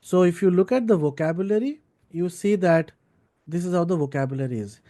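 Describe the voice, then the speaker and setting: Speaking fairly quickly in a high-pitched, warm voice, a man teaches a laid-back live coding class in data science. He explains step by step, checking in with tags like "right" and "okay."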